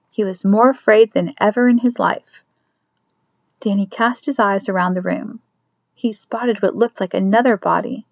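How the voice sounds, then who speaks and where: Gravelly woman reading a story aloud. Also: medium pitch, no echo. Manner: steady storytelling, soft whispers for inner thoughts. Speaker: audiobook reader. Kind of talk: scripted narration. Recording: dry, dull lo-fi recording.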